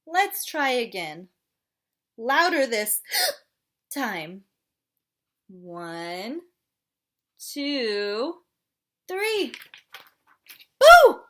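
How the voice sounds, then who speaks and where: A woman's voice: on the high side, sing-song, very slow, long pauses, fairly bright tone. A woman teacher reading a storybook to young children, asking simple questions in the manner of a kids show host. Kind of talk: interactive storybook read-aloud.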